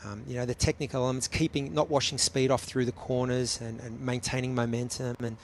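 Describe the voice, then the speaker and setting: A man's voice: medium pitch, little pitch movement, brisk, gravelly, a little hiss or hum. A man giving live race commentary, analytical and chatty, with frequent ums between points.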